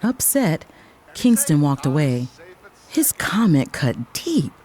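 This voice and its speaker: A woman with a low, mellow voice performs a first-person audio drama, both narrating and acting as a proud, composed young lawyer who is an elder sister. Her expression is deliberate.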